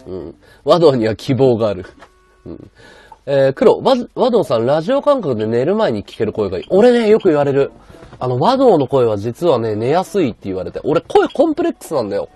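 Husky high-voiced male streamer, very animated. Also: a little fast. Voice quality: high-pitched voice. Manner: rough, blunt casual speech. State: sore throat. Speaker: livestreamer. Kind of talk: casual livestream chat reading viewer comments.

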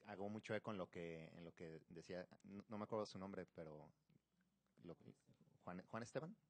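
A man's voice: sits low, moderate pace. A man talking informally and explaining in an encouraging way, often checking with tag questions. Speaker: conference attendee, programmer.

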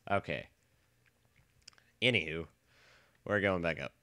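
A man's voice: sits low, slow pace, pushed and bright, dry recording. A man giving casual, rambling commentary while playing a game, nasal from a cold, joking and swearing freely. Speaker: let's play host.

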